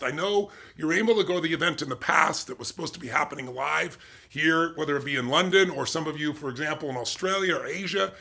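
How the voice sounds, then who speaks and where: A man hosting and promoting his own seminar in a persuasive, eager sales pitch. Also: vocal fry, pushed and bright, husky. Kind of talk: direct-to-camera sales pitch.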